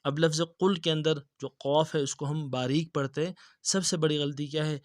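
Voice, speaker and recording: A man teaching tajweed, reciting verses slowly and drawn out, then explaining briskly and repeating words for the learner. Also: a little high, fairly even intonation, no room sound, studio quality. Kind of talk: tajweed lesson with slow recitation.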